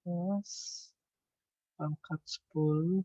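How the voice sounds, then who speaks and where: Working through calculations aloud in a casual online class, a male accounting tutor speaks in a slightly high, steady voice. His pace is halting, and he mumbles numbers as he checks with the people listening. The audio sounds like an online call, dull, lo-fi and echoey.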